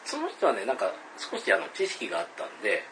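A man telling a spooky story to a listener, hesitant with many fillers and pauses, acting out calls and voices loudly. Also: medium pitch, huge pitch swings, gravelly, slight background noise, poor audio.

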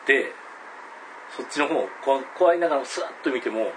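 Man telling a spooky tale, lively pitch. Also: a little hiss or hum, rough recording. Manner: hesitant, many fillers, dramatic pauses; acts out calls and voices loudly. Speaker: storyteller. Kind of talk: telling a spooky story to a listener.

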